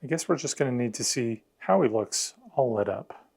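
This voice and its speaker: A man's voice: medium pitch, expressive, moderate pace, vocal fry. A man narrating a hands-on unboxing and review in a casual, conversational, explanatory way. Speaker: product reviewer.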